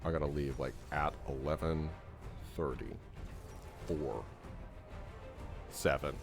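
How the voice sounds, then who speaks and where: A man's voice: rumbling low, steady tone, takes it slowly, music in the background. A middle-aged man from Florida chatting casually on a game stream, rambling with lots of restarts and fillers. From Florida, USA. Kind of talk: casual chat while gaming.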